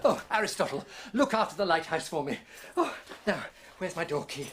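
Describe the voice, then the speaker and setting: A man's voice: a little high, sing-song, brisk, a bit bright, a little hiss or hum. A man playing an eccentric, scatterbrained inventor in a children's TV show. He dithers and bursts out with "oh"s as he talks. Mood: flustered. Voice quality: flustered and dithering, with constant breathy "oh"s. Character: scatterbrained, excitable male inventor who invents words. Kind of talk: children's TV comedy acting.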